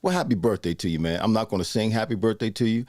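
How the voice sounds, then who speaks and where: A man's voice: fairly low pitch, fast talker, darkish tone, no echo, clean studio sound. A man in his sixties hosting a casual live show, chatting loosely and greeting viewers by name. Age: 60s. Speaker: host. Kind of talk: casual livestream chat with viewers.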